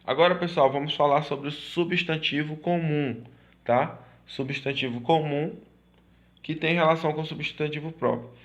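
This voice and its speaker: A man teaching a grammar lesson, repeating points and checking in with quick tag questions. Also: on the high side, fairly even intonation. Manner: repetitive, checks in with "certo?" and "tá?".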